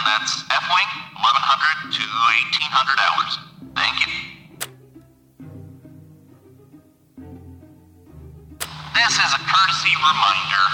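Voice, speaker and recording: A man doing a calm facility loudspeaker announcer. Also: mid-range voice, a little hiss or hum. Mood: formal. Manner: measured, formal, repetitive announcements. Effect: facility public address loudspeaker. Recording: echoey loudspeaker over music.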